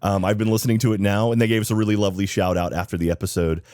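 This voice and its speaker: A man's voice: on the low side, little pitch movement, racing, a little mellow, no echo. A man hosting a podcast in a casual, chatty, enthusiastic way, his voice slightly off because he is sick. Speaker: podcast host.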